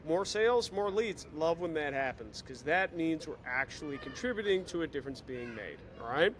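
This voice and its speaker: An energetic man with a Chicago accent, his voice sitting a little high, talks fast and chatty as though on extra coffee. He is recorded on a phone or laptop camera in an airport terminal. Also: a crowd in the background. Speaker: digital marketing consultant for auto dealers. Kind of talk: casual video update.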